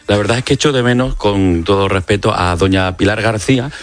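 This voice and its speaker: An ophthalmologist from Extremadura, Spain, speaks as a guest in a radio studio interview, his voice on the low side and brisk. Recorded on a studio microphone, he explains things with many fillers and restarts.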